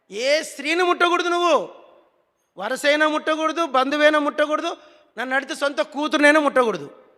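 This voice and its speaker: A man's voice: extremely high pitch, pushed and bright, in a large hall. A man preaching a sermon as pastor, emphatic and scolding, who has the congregation repeat his words.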